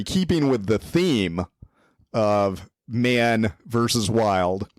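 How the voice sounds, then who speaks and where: A man's voice: fairly low pitch, no echo, clean studio sound. A man hosting a call-in story show, chatting casually in a rambling way. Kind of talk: casual co-host chat.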